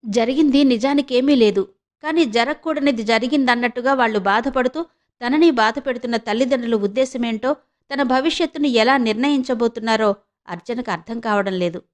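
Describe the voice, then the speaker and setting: A woman narrating a novel audiobook in an expressive, measured storytelling manner. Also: on the high side.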